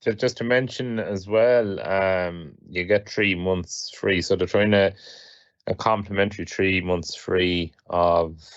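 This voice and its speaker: Co-presenter: deep-voiced man, loose and rambling, dry lo-fi sound. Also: steady tone, takes it slowly, dry recording. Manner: rambling, many fillers. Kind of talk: casual podcast chat. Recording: dry, slightly dull lo-fi sound.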